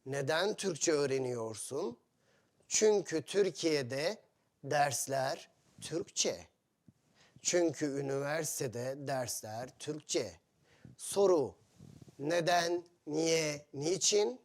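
A man gives a lesson to learners of his language, speaking in short, deliberate phrases. His voice sits a little high and swings widely in pitch, and he talks extremely slowly, repeating each example. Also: expressive. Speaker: Turkish teacher. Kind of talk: slow, simplified teaching of Turkish to foreigners.

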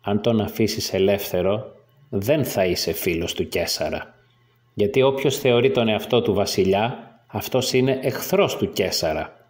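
A man voicing an insistent, scheming high priest. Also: roomy sound, lightly acted. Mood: hushed threat.

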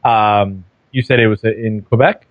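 A man's voice: lowish voice, steady tone, unhurried, dry recording. A man hosting a podcast interview, asking eager follow-up questions with frequent stammered restarts. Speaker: podcast host. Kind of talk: casual interview conversation. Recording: dry, dull lo-fi audio.

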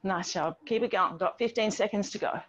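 A middle-aged woman with a mid-pitched voice instructs a workout class over a video call. She cues each move step by step and encourages as she goes. The sound is slightly dull and lo-fi, picked up by a device mic at a distance outdoors. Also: brisk, a bit bright, a little hiss or hum. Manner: encouraging step-by-step cueing while exercising. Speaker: fitness instructor leading an online group class. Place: outdoor home patio with garden wall. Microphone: distant device microphone on a video call. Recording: dull, band-limited video call audio.

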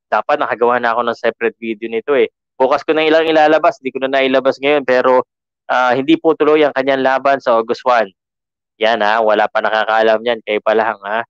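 A man's voice: medium pitch, little pitch movement, brisk, clean tone, dry recording, muffled recording. Chatty Filipino man hosting a boxing podcast. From Philippines. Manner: chatty, code-switching, frequent fillers and restarts. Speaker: podcast host. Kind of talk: casual podcast monologue.

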